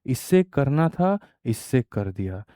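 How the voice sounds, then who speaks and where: A male maths teacher giving an exam-prep lesson. He has a mellow, smooth and resonant voice, recorded dry and close. He fires rhetorical questions at the class, answers them himself, and keeps addressing students as brothers. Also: medium pitch, big pitch swings, no room sound. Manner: reads English problem text slowly word by word.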